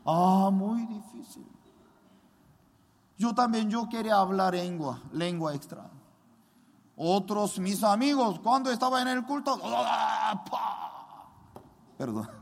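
A man's voice: high voice, creaky, big-room sound. A man preaching his personal testimony in a dramatic storytelling manner, acting out scenes with sound effects. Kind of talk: testimony sermon.

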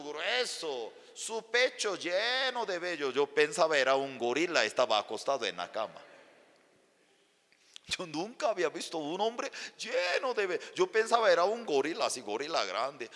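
A man's voice: a little high, bright, forceful tone. A male pastor, a native Chinese speaker, telling a sermon story with acted voices. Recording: long hall reverb.

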